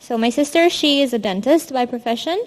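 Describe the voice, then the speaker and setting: A woman's voice: high voice, lively intonation, fairly quick. A young woman from India, a university student, giving a casual presentation to an audience, with frequent ums. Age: young adult. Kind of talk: presentation talk.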